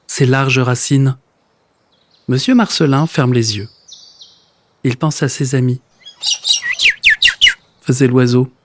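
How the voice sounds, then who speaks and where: A man reading a children's story aloud in a gentle, expressive way. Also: medium pitch. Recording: hissy recording.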